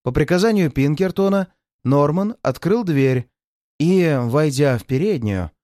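Man, audiobook narration, expressive, lively, dry close sound. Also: on the high side, measured pace, dry recording. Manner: expressive storytelling. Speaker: audiobook reader. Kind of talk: scripted narration.

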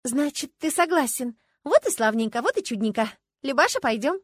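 A woman voicing a brash, bossy young woman friend who talks loud and excitable. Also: high-pitched, moderate pace, no room sound, studio quality, voice pushed up. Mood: wheedling.

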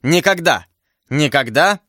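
A man's voice: on the high side, expressive, a little slow, dry recording, clean studio sound, heavily acted. A man voicing an imperious, outraged duke. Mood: indignant. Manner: indignant, shouting outbursts. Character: haughty English duke, proud and imperious. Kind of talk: audiobook character voice.

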